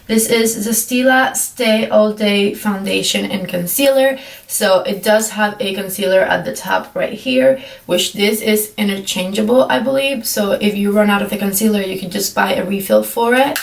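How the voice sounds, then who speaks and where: A woman's voice: mid-range voice, fairly even intonation, moderate pace, creaky, distant mic. A young woman talks through her makeup in a chatty, rambling way, her voice still groggy from sleep. She sits back from the mic in a room that rings with echo. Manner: chatty, apologetic, filler-heavy. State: groggy, just woke up. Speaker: beauty vlogger. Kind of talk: casual makeup tutorial.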